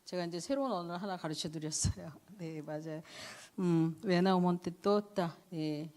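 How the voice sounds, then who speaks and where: A middle-aged woman missionary giving a conversational church sermon and testimony, animated and chatty, often affirming with a quick "yes". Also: sits low. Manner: animated, conversational preaching with frequent "네" and laughs.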